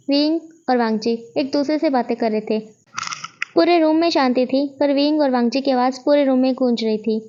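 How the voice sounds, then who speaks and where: A woman reading a fan story aloud in a steady storytelling manner. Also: sits high, dull audio.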